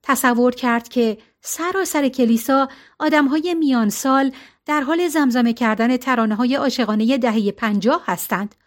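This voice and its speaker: A woman reading a novel aloud as narrator, in a calm, even way with colloquial phrasing. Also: high-pitched. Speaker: audiobook narrator.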